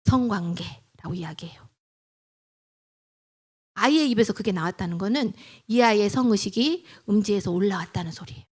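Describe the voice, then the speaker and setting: A middle-aged woman giving a lively church lecture on family life, telling stories and asking the audience questions. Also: mid-range voice, moderate pace, long pauses, husky. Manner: animated storytelling, asks audience questions.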